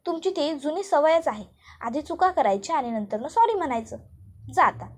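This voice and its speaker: A woman's voice: high-pitched, very animated, moderate pace. A woman voicing a proud, stern schoolteacher and mother who speaks reproachfully, in a retelling of a TV serial.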